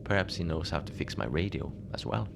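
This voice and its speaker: Playing an unbothered, lonely polar station keeper for a fiction podcast, a man spins strange tales in a deep, heavily fried, gravelly voice, mild and halting with little hesitations. The voice is exaggerated and the mood worried yet fond, with everything strange treated as ordinary. Steady noise is clearly audible underneath.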